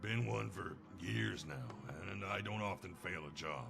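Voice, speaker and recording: A man voicing a grim, weary mercenary in a game, talking curtly and gruffly. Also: low-pitched, unhurried, heavily acted. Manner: gruff, brooding, curt. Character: grim weary male mercenary searching for his wife. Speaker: game character. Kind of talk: game voice acting.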